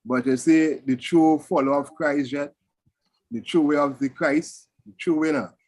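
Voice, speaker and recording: A man's voice: on the high side, moderate pace, darkish tone. A man with a Caribbean accent reasoning in Rasta speech, ending phrases with "you know" and "still" in a casual panel discussion. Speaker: panel speaker.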